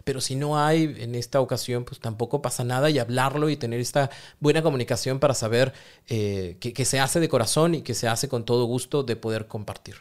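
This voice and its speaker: A man's voice: mid-range voice, a little fast. Man, earnest and reflective, chatting casually with his partner. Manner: earnest, reflective, laughs easily. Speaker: co-host talking with his partner. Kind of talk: casual conversation.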